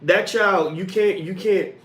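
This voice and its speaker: A male host talks earnestly and conversationally while he interviews a guest over a video call. His voice sits somewhat high. The audio carries a roomy echo. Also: takes it slowly, a bit bright. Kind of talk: interview questions and commentary.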